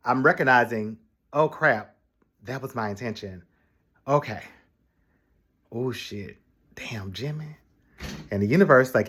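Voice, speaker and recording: A man casually telling a story in his vlog, animated, with sudden high exclamations and acted-out quotes of other people. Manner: acts out quoted voices in his retelling. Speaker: vlogger.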